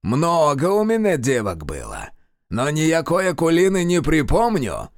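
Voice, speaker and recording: A man voicing a fierce, scornful old village sorcerer who speaks bluntly in rough rustic speech and swears. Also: fairly high pitch, huge pitch swings, unhurried, no room sound, clean studio sound, pitched above the performer's own voice, full character voice. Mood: gruff.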